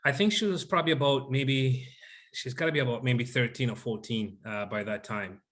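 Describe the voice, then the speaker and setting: A man in his thirties, originally from Uganda, talks as an interview guest in a mid-range voice. He tells his story in a grateful, unhurried way, with many "uh" fillers along the way. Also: mid-range voice, a bit bright. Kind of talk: casual interview chat.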